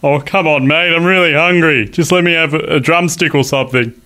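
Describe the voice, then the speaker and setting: A man's voice: on the high side, fairly quick, sharp tone. A man playing a matey, slangy Australian working bloke in a sitcom, with an Aussie tradesman manner. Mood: pleading. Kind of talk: broad sitcom dialogue.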